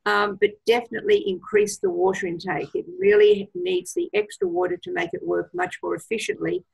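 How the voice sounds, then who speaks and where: Woman, gravelly, husky, enthusiastic product advice, video call. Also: mid-range voice, big pitch swings, a little fast, low-quality recording. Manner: enthusiastic, gives advice with many fillers. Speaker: product trainer. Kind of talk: casual presentation on a video call.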